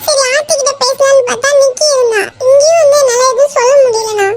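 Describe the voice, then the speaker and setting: A woman's voice: fairly even intonation, fast, low-quality recording. A woman voicing a tearful young woman in a cartoon, pleading and sobbing as she insists on her love. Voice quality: very high shifted cartoon voice. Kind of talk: cartoon voice acting.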